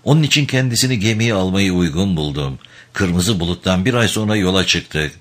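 A nervous sailor, as a male narrator puts him on in a storybook, hesitating as he explains himself. He has a deep voice with lively intonation. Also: a little fast. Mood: uneasy. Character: nervous ship captain Perry.

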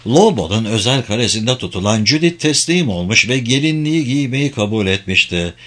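A man reading an adventure novel aloud in measured, dramatic audiobook narration. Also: medium pitch, animated.

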